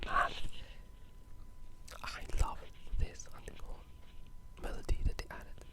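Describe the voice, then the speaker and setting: At a slow pace, someone with an enthusiastic gamer's way of speaking whispers breathily and unvoiced. The ASMR talk about video games is casual and rambling.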